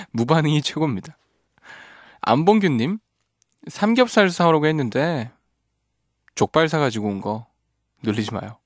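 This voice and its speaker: Playful male radio DJ, lively voice. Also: medium pitch, no room sound, studio quality. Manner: playful, teasing, laughs often. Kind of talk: radio show, reading listener messages. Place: radio studio. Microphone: studio microphone.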